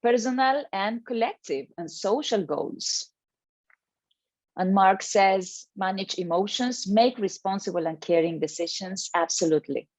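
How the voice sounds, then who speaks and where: A woman's voice: mid-range voice, a little slow, a little mellow, dry recording. A woman presenting an educational webinar to teachers over a video call, earnest and emphatic, reading participants' names from the chat.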